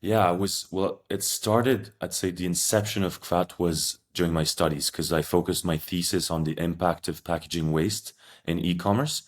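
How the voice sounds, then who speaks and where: A young man from Switzerland, a startup founder, answering podcast interview questions in a measured, explanatory way. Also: low voice, steady tone. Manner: measured, explanatory, occasional fillers.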